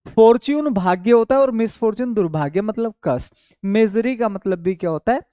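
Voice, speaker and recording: Mellow-voiced male vocab teacher. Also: high voice, no room sound, studio quality. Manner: asks questions and answers them himself, drawing out key words; repeats words slowly for memory. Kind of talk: online exam-prep class.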